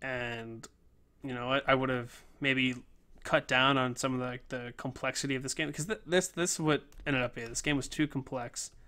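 A man's voice: medium pitch, steady tone, moderate pace, bright, forceful tone, clean tone. A young man casually talking over his class game project, rambling with lots of fillers and restarts. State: a bit out of breath. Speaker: game design student. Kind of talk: casual development-log talk.

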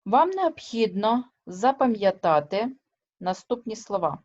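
A woman teacher talks through a remote lesson at a slow, unhurried pace, stretching out each example word so it lands. Her voice sits at a middle pitch and comes through a dull, lo-fi recording. She keeps stopping to check that her students are following. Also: big pitch swings, a little mellow. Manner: slow, careful, stresses and drawls example words; checks with students by asking short questions.

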